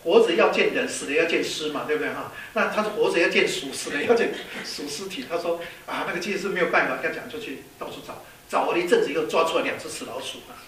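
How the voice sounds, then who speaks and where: High-voiced preacher in an echoey hall. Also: male voice, quick pace, hardly any pauses. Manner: lively, many rhetorical questions, storytelling; mixes in English words. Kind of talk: sermon. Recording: echoey hall, distant mic, faint hiss.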